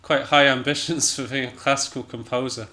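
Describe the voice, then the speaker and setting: A Scottish man, a jazz pianist and musician, chats casually as an interview guest in a hesitant, understated, self-deprecating way. His mid-range voice holds a steady tone and sounds pushed and bright, and he talks a little fast.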